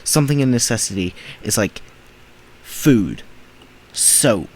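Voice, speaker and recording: A man's voice: mid-range voice, expressive, slow pace, a little mellow, rough recording. A man hosting a reaction video, talking back at clips in indignant, emphatic rants. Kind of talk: reaction commentary.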